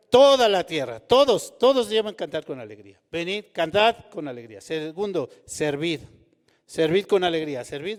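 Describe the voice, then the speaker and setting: A man preaching a sermon in an animated way, often putting questions to the congregation. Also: a little high, long reverb tail. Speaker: pastor.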